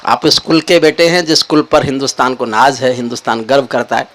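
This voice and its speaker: An older man, a poet, telling jokes and stories to a live audience with animated, expressive delivery. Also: medium pitch, a little fast, a little hiss or hum. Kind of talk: stage poetry and joke telling to a live audience. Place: live event stage.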